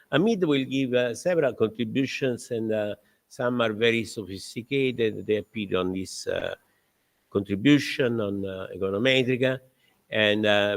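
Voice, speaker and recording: An older man gives a formal lecture introduction in a fairly low voice. He talks haltingly, with frequent filler pauses, and chuckles as he tells his stories. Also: vocal fry, a bit bright. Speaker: professor introducing the guest lecturer.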